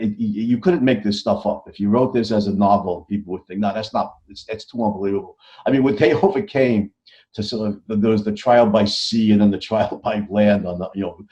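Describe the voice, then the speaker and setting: This podcast guest, an author from the United States, has a fairly low, warm voice. He speaks emphatically in a conversational interview, regularly stammering and doubling back on words, on a dull lo-fi recording.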